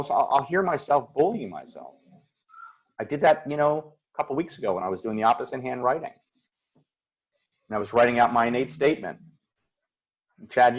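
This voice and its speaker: A man's voice: a little high, muffled recording. A man hosting a motivational call, talking in an earnest, reflective way and acting out his own inner voice. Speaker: host and coach. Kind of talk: casual motivational talk on a call.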